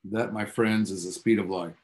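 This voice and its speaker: A man's voice: lowish voice, fairly even intonation, moderate pace, darkish tone. A man teaching a physics class, telling the story behind the science in an enthusiastic, casual, storytelling way with offhand asides to his students. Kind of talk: classroom lecture.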